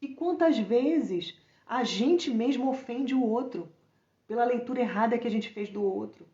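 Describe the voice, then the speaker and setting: A woman's voice: fairly high pitch, a little slow, mellow, roomy sound, highs cut off. A Brazilian woman and mother giving an informal, conversational sermon, asking listeners rhetorical questions. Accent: Brazilian Portuguese. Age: adult mother.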